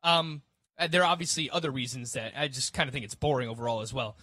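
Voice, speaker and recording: A man's voice: medium pitch, fast talker, pushed and bright, dry recording. A man, co-hosting a casual podcast chat in a playful, self-mocking way. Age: 20s. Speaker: co-host.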